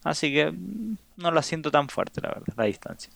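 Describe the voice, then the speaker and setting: A man's voice: on the high side, normal speed, gravelly, no room sound. A man from Chile with a Chilean Spanish accent, a teacher explaining his country's slang in a casual interview chat. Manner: explanatory, demonstrates slang with animated asides.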